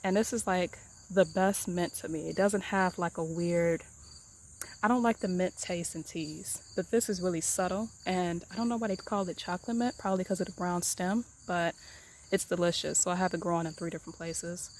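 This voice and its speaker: A woman walks through her outdoor garden, chatting casually about her herbs in a somewhat low voice. She rambles easily, filling pauses with "um" and doubling her words. Crickets and insects chirp clearly behind her. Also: a little hiss or hum. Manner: relaxed, rambling, many ums and repeated "really, really". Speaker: home gardener giving an herb tour. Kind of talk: casual garden tour vlog.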